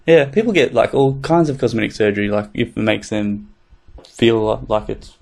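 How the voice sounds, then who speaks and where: A man's voice: mid-range voice, normal speed, gravelly, a little mellow. A man co-hosting a podcast, chatting casually in a laid-back, rambling way with plenty of fillers and swearing. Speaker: podcast co-host. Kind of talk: casual chat.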